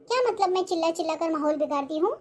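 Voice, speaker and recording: A woman's voice: very high voice, very fast, a little mellow. A woman voicing an arrogant, scornful young daughter-in-law in a cartoon-style family drama, always complaining and snapping back. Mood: defensive. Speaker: schoolteacher character.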